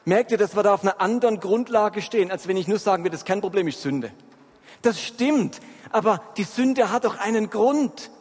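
A man delivers a sermon and keeps turning to his listeners with questions to check they are following. His voice sits high and sounds a little husky. A long reverb from the hall trails behind every phrase. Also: a little mellow. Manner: addresses the congregation with frequent check-in questions. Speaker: preacher.

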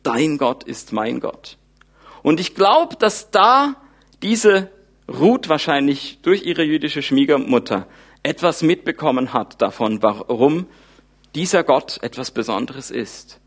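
A man preaching a sermon, retelling a Bible story in a lively, informal way and speaking the characters' thoughts aloud. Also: on the high side, slow pace. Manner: animated, wide swings in loudness.

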